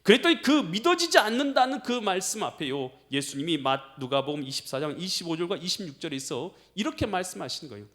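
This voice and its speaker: A man's voice: high voice, big pitch swings, fast talker, few pauses, a bit bright. A man preaching a sermon as pastor, emphatic and direct, pressing the congregation with repeated rhetorical questions.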